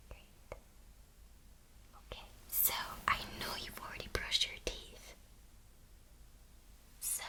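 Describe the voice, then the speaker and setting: A woman performs a whispered role-play as a doting bedtime caregiver. Her breathy whisper is very sharp and bright, with no voiced tone. She takes her time with every phrase, tender and reassuring in close personal attention. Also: low-quality recording. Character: doting, soothing caregiver tucking someone in at bedtime. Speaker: ASMR host playing a caring bedtime companion.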